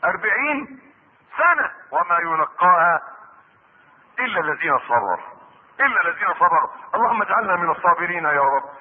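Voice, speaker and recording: Emphatic Egyptian preacher, tinny hall recording. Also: male voice, very animated, brisk, pauses often. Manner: emphatic, repeats key phrases and swings between loud stresses and low asides. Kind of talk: sermon. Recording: tinny lo-fi lecture recording in a big reverberant hall.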